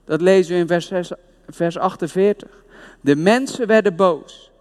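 A man's voice: high-pitched, moderate pace, long reverb tail. A man preaching a sermon, retelling a scripture story with emphatic storytelling.

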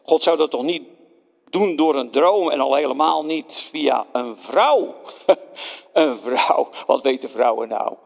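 A man's voice: fairly high pitch, a little slow, vocal fry, in a large hall. A man preaching a dramatic first-person sermon as Pontius Pilate, a self-justifying Roman governor who stammers and pleads with his listeners. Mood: scoffing.

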